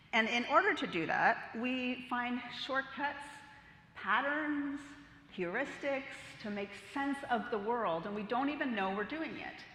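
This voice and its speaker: A middle-aged woman delivers a keynote in a bright, slightly high voice. She talks in a lively, playful way, tossing questions to the audience. Her voice rings out through a large, echoing hall. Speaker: keynote speaker. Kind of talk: conference keynote talk. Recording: roomy hall reverb.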